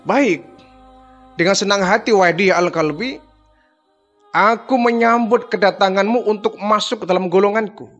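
A kind male religious leader speaks with calm reassurance in a fairly high voice, played by a man telling the story. Soft music sits faintly underneath. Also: moderate pace, long pauses, dull audio. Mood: reassuring. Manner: warm, reassuring address.

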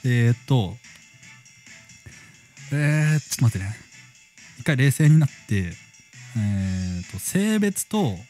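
A man's voice: mid-range voice, sing-song, slow pace, pauses often, dark tone, soft background music, poor audio. A man streaming a game from a room at home, chatting casually and reacting to viewer comments as he reads them aloud. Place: room at home near neighbors.

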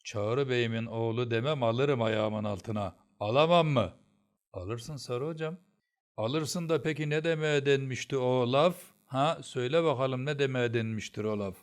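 A man voicing a stern, quick-tempered old male tutor who shouts and scolds. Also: medium pitch, animated, voice pushed up, natural voice. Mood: scolding.

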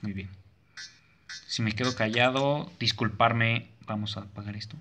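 A jumpy young man narrates his horror game run, his bright, forceful voice jumping into yelps and curses. He keeps coaxing himself to calm down between scares. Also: medium pitch, measured pace, a little hiss or hum. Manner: nervous, jumpy, swears and yelps. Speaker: gaming streamer.

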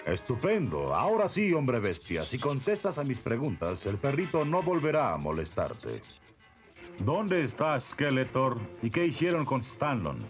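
A man's voice: mid-range voice, huge pitch swings, a little slow. A man playing a confident, drily teasing muscular hero in a dubbed cartoon, bold and self-assured. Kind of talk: cartoon dub acting. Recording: dull lo-fi sound under loud music.

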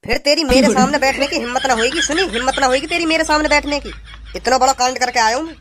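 Brash fast-talking man in dialect comedy. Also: very high voice, a loud crowd. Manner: brash, teasing, repetitive banter. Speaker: comedian doing sketch characters. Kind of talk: comic sketch in rustic dialect.

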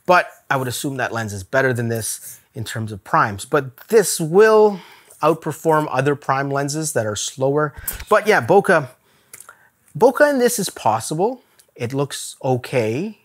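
A man's voice: medium pitch, sing-song, measured pace. Chatty male camera gear vlogger. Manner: chatty, laughs often, candid opinions. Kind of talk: casual gear review vlog. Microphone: camera-mounted shot on a zoom lens.

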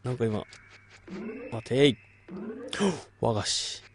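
A man's voice: medium pitch, steady tone, takes it slowly, a little hiss or hum. A man streaming a game late at night, chatting casually and muttering reactions to the gameplay. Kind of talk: late-night casual chat while gaming.

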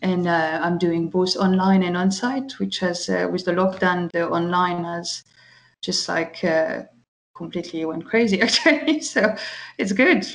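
A woman's voice: on the low side, measured pace, creaky, a little hiss or hum. A woman in her thirties from France with a French accent, talking casually as an architect guest, with many fillers and restarts. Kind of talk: casual interview chat.

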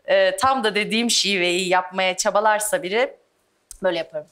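A young woman chatting as a guest on a talk show stage, telling stories in a playful, animated way. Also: mid-range voice, normal speed, background noise. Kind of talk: casual talk show chat.

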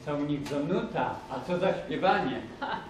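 A man plays a wry, doubting shepherd who pleads with the heavenly spirits. His voice is fairly high and skeptical in tone. It echoes heavily in a school hall and is heard from far off. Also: lively intonation, moderate pace, close to an everyday voice. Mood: pleading. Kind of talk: school nativity play acting. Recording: echoey hall, distant mic, faint noise.

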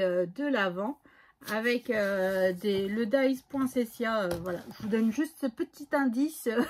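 A woman with a son, chatting casually and hesitantly through a scrapbooking haul with many fillers. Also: a little high. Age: adult, has a son. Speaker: scrapbooking vlogger.

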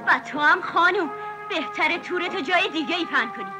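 A woman's voice: extremely high pitch, lively intonation, music in the background. A woman playing a domineering wealthy mother in a dubbed 1970s film, commanding and scornful.

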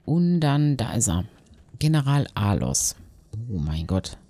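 A man giving casual, slangy gameplay commentary, thinking out loud as he goes. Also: medium pitch, sing-song, unhurried. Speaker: let's player. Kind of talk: casual gameplay commentary with quest text read aloud.

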